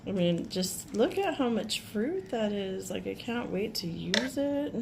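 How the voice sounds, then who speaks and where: A woman with a cold, her voice a little rough, gushing chattily through an unboxing at home and clearing her throat often. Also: medium pitch, very animated, unhurried, noisy background. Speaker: nail vlogger. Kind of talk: casual unboxing chat.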